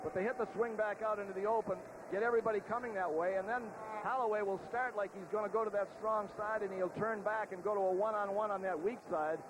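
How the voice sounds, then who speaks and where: High-voiced male football analyst, noisy broadcast. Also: fairly even intonation, fast, few pauses. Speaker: colour commentator. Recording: noisy old outdoor stadium broadcast.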